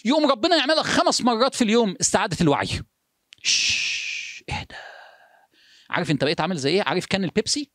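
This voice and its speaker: A man with an Egyptian accent giving a motivational sermon, firing rhetorical questions at the listener and dropping to hushed, slow phrases for emphasis. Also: high-pitched, expressive, no room sound, studio quality. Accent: Egyptian Arabic. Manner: asks the listener rhetorical questions in quick succession; shifts between urgent speech and hushed, slowed phrases. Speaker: religious speaker.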